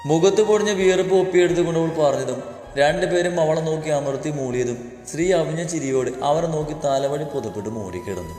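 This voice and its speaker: A man calmly narrating a romantic audio story. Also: a little high. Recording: echoey reverberant room with music.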